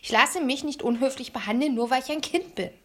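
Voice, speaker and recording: A woman's voice: high-pitched, brisk, a bit bright, voice pushed up. A woman voicing a small, clever, pedantic boy who lectures and shrieks when upset. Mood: indignant.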